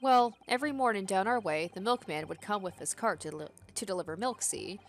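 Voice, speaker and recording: A woman's voice: medium pitch, a little fast, faint music behind, lightly acted. A woman voicing a chummy, shifty working-class male crook from a video game, with slangy, matey talk. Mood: cheeky, chummy. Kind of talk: video game character read-aloud.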